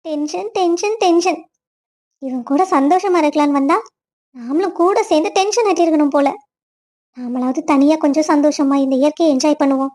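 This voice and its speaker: A woman voicing a spirited young wife in a cartoon story, talking in a lively, teasing way. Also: high-pitched, fairly quick, close to an everyday voice. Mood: wistful.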